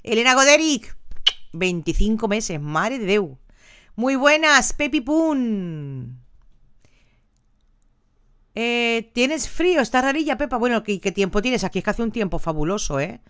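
A woman's voice: fairly high pitch, big pitch swings, a little slow, long pauses, a bit bright, smooth, no echo, clean studio sound. An older woman from Valencia in Spain, hosting a live stream in a chatty, affectionate way and greeting viewers by name. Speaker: live stream host reading viewer comments. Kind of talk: casual live chat.

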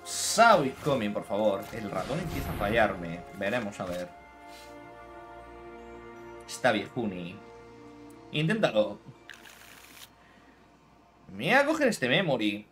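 A man giving live gameplay commentary as a streamer, animated, taunting his opponent and dropping in English phrases. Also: on the low side, takes it slowly, pauses often, soft background music.

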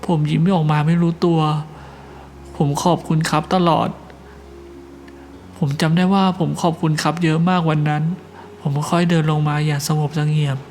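A man telling his own ghost story in the first person, earnest and hushed, with polite particles. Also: a little high, steady tone, normal speed, pauses often, a little hiss or hum.

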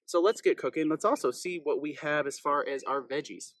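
A man's voice: on the high side, a little fast, fairly bright tone, poor audio. A man in his thirties, a chef giving a casual, chatty outdoor cooking demonstration while sitting on a rock in open grassland. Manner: upbeat, chatty, easygoing.

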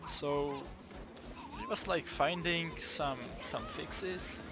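This young gaming video maker from the Czech Republic, Czech-accented, walks through a tutorial casually and haltingly, swearing often and restarting what he says. His voice is a little high, and music plays underneath.

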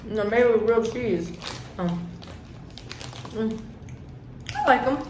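A woman's voice: on the high side, animated, takes it slowly, a little mellow. A playful woman reviewing snacks on her vlog, talking casually with her mouth full of snacks. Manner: playful, laughs at own jokes. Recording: echoey room with faint noise.

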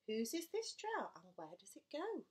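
A woman voicing an eager, brave young girl monster, the Gruffalo's child, in a high, loud, excited voice. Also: moderate pace.

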